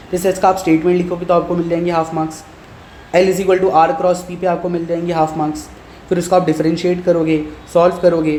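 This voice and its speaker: A male physics teacher walking students through an exam paper, reading each question out slowly and then explaining step by step how the marks are given, in a familiar tone. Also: fairly high pitch, dark tone. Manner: mixes Hindi and English, addresses students familiarly. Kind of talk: exam paper walkthrough lesson. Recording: roomy echo, faint background noise.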